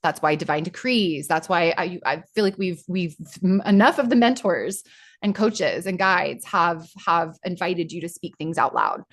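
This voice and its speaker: Chatty excitable woman leading a workshop. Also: on the low side, unhurried. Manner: chatty, excitable, rambling with restarts. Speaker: spiritual workshop leader. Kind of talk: informal spiritual teaching talk.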